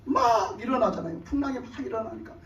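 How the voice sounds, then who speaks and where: A man's voice: extremely high pitch, expressive, fast talker, muffled recording, slight background noise. A man pastor preaching a sermon, telling stories animatedly and firing off rhetorical questions to his congregation in a church. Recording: echoey church from far off.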